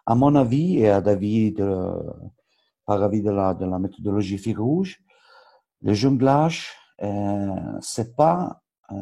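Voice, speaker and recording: Low, gravelly man with an Italian accent. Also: dark tone. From Switzerland. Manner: halting, searching for words in a second language. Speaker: football coach educator. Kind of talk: webinar presentation.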